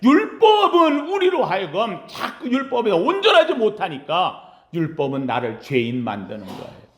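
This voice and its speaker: A man preaching a Sunday sermon as pastor in a church sanctuary, asking the congregation questions and answering them himself, swinging between loud cries and hushed low lines. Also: wildly swooping pitch, moderate pace, reverberant.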